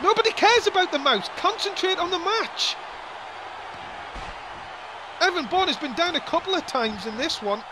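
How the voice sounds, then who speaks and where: High-voiced excitable male wrestling commentator. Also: noisy background. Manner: excitable, grumbling, quick exclamations.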